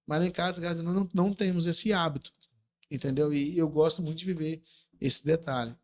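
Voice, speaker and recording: A man with a Brazilian Portuguese accent, a podcast guest in casual chat, telling personal stories in an earnest, lively way. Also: fairly high pitch, fairly quick. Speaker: podcast guest, entrepreneur and rancher.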